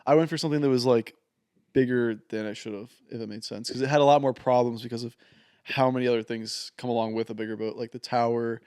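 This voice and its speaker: A young man, a podcast guest, talking in a laid-back, halting way, often repeating words as he thinks aloud. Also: mid-range voice, steady tone, a little mellow, clear, resonant tone, no room sound, clean studio sound. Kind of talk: casual chat.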